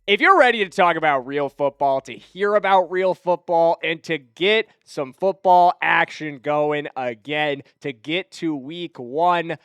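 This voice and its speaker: A man's voice: a little high, fairly bright tone, clean tone, no room sound, studio quality. A young man hosting a football news show, talking with enthusiastic, emphatic fan energy. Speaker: sports podcast host.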